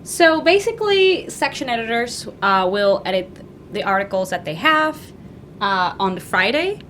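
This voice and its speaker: A young woman from Peru, a student editor-in-chief, answering interview questions in a friendly, soft-spoken way with some uhs. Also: a little high, sing-song, normal speed, slight background noise. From Lima, Peru. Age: young adult.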